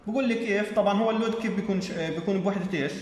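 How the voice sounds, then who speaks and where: A man teaches an engineering class. He works through each step and keeps checking that the students follow. His voice sits a little high and carries in a roomy, reverberant hall. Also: rapid-fire. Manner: explains step by step, often checks with "تمام؟". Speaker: lecturer. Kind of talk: recorded engineering lecture. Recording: echoey room with long reverb.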